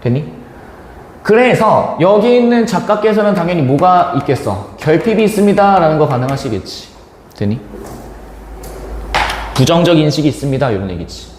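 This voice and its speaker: A man's voice: fairly high pitch, normal speed, long pauses, a little hiss or hum. A young man teaching Korean literature in a classroom, telling a slangy personal story and acting out the voices of the people in it. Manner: animated, slangy, acts out quoted voices. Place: lecture classroom. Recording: echoey classroom with long reverb.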